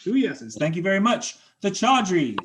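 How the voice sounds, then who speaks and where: Chairing a members' meeting over a video call, a man with a slightly raised, high, somewhat bright voice and big pitch swings moves briskly and politely through motions and votes. He thanks each speaker in turn.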